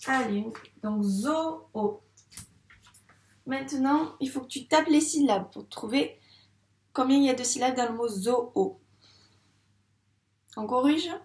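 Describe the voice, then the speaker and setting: A woman teaches a phonics lesson to young children at an unhurried, deliberate pace. She draws out each sound and syllable patiently and clearly. Her voice rings in an echoey room. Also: sits high, a little mellow. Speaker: first-grade teacher.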